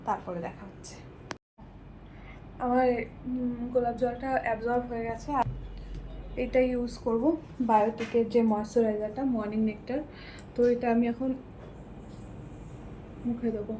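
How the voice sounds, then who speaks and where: A woman's voice: a little high, little pitch movement, moderate pace, long pauses, warm tone. A young woman, chatting casually through her day at home and explaining each step as she goes. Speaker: vlogger. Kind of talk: casual vlog narration. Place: at home, kitchen and bedroom. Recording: roomy home room with household noise.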